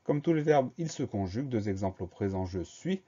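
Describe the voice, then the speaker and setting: A man's voice: fairly low pitch, animated, brisk, warm tone, breathy edge, lo-fi sound. A male teacher giving a spelling lesson for schoolchildren, patiently spelling each word out letter by letter.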